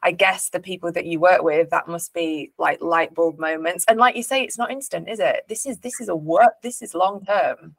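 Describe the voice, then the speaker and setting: A woman hosts a casual podcast chat, enthusiastic and affirming, with a fairly low voice. The recording is close and dry. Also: moderate pace, gravelly, hardly any pauses, no room sound. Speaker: podcast host.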